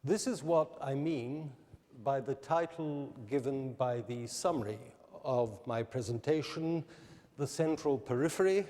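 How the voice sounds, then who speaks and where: With a mellow, dark, mid-range voice, this man from New Zealand delivers his prepared candidate presentation at an unhurried, measured pace. It's formal in tone, and the big hall adds a long reverb.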